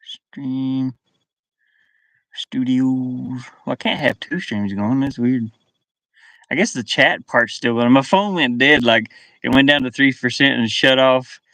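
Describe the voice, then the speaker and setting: A middle-aged livestream host, he takes his time in a mid-range, slightly bright voice while chatting casually with viewers from inside a van. His talk is rambling and muttered, in short, broken phrases. The webcam recording is dry.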